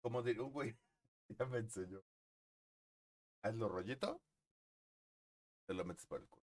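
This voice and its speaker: A man's voice: on the low side, normal speed. A man with a Mexican accent, a streamer, ranting in a profane, mocking way. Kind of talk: casual rant.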